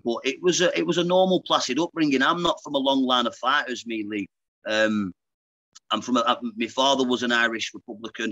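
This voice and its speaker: A pro boxer in his thirties from Lancashire, England, speaks as a guest on a video call, frank and casual, often calling the host "mate." His lowish voice sounds pushed and bright. Picked up through earbuds in an indoor room, the audio is poor but has no echo.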